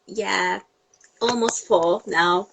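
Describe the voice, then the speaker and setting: A woman's voice: medium pitch, drawn-out words, vocal fry, a little hiss or hum, rough recording. A young woman in her twenties from Turkey, a cheerful, enthusiastic interviewee on a video call. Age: 20s.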